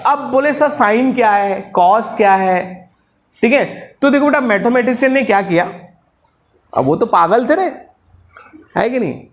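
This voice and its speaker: A man teaching a class. He jokes around, calls his students "beta" and keeps checking with them, "hai na?". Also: high-pitched. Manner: jokey, keeps asking "है ना?" and calls students "बेटा". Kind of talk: classroom lecture.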